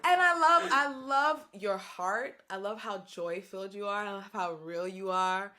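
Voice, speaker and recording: A woman's voice: medium pitch, a little slow, bright, forceful tone. A woman hosting a podcast, chatting in an enthusiastic, affirming and playful way. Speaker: podcast host. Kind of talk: casual chat.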